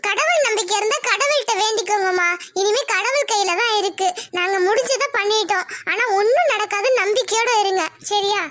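A woman voicing a calm, grave hospital doctor in a cartoon, soothing and measured, with a pitched-up voice.

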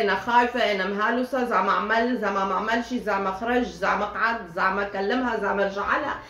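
A woman's voice: medium pitch, fairly bright tone. A woman with a Tunisian accent giving a chatty tarot reading, talking straight to her listeners with many fillers. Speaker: tarot reader. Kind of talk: casual tarot reading monologue. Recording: echoey room with faint ambient noise.

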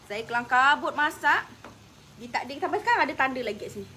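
Malaysian woman cooking vlog, high bright voice, chatty and teary, laughs a lot, faint noise. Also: very animated, quick pace. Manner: talkative, laughs often, emotional storytelling. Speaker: cooking vlogger. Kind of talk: chatty cooking demo with personal stories. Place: home kitchen.

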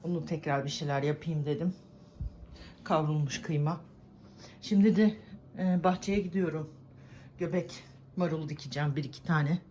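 A woman vlogging from her village house kitchen, exasperated and scolding her cats in sharp high shouts. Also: moderate pace, pauses often, slight background noise. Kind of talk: casual vlog talk to camera.

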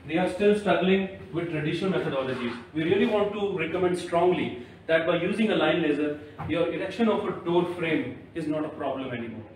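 A man with an Indian English accent makes a persuasive product pitch on a construction site. His voice is a little high. The sound is very echoey and picked up from a distance, with faint noise behind. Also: brisk. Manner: persuasive, keeps recommending. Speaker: product presenter. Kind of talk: on-site product demo chat. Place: construction site, then service center.

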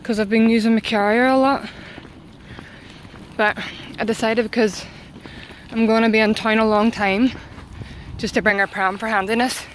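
A woman's voice: a little high, fairly even intonation, normal speed, long pauses, a little hiss or hum. Chatty young woman vlogging. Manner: chatty, talks to her baby and pets, swears casually. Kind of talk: casual vlog chat. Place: home and then out in town.

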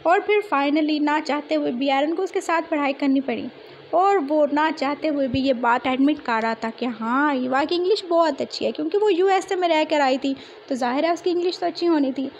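A woman's voice: high voice, normal speed, dull audio, a little hiss or hum. A young woman narrating a story in a chatty, conversational way.

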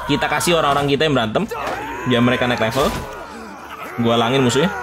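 A man giving excitable let's play commentary, shouting orders at his troops during battles. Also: medium pitch. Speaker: gaming YouTuber. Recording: game music behind the voice.

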